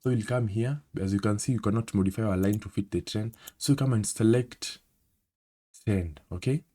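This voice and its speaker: Speaking at a moderate pace with a warm, lowish voice, this man has a Kenyan accent and teaches trading through a screen recording. He keeps it conversational and keeps asking "okay?" along the way.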